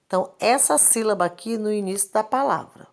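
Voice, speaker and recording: A woman's voice: mid-range voice, brisk. A woman, teaching a recorded literacy lesson and patiently repeating each point. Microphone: screen recording, device mic.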